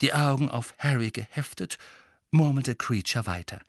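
A man reading an audiobook aloud in a dramatic, expressive narration style. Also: mid-range voice, moderate pace, no room sound, clean studio sound.

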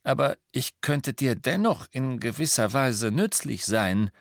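A man's voice: mid-range voice, lively intonation, a little slow, no echo, clean studio sound, voice pushed up. A man reading an audiobook and voicing a weary, guarded middle-aged male werewolf teacher who talks in a tense, insistent way. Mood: earnest, insistent.

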